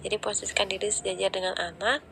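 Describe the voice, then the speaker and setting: A woman explaining parenting advice in a relaxed, conversational way, often pausing with fillers. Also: mid-range voice, gravelly, a little hiss or hum. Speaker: parenting talk speaker. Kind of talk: casual explanatory talk to parents.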